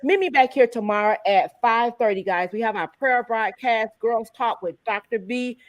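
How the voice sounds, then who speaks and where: A woman's voice: a little high, moderate pace, no echo. A woman hosting a live-streamed talk show on a video call, upbeat and folksy, calling the viewers y'all. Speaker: host.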